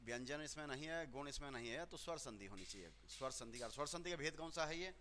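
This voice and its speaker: A man's voice: a little high, expressive, quick pace, sharp tone, a little hiss or hum. A male teacher working through exam questions step by step, repeating words and correcting himself aloud. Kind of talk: exam solution lesson. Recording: hall reverb.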